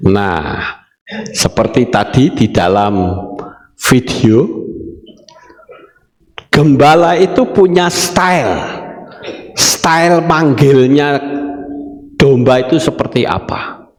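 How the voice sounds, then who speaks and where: A man's voice: mid-range voice, lively intonation, takes it slowly, long pauses. A man preaching a sermon as pastor, addressing the congregation directly. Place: church hall. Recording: echoey church hall with long reverb.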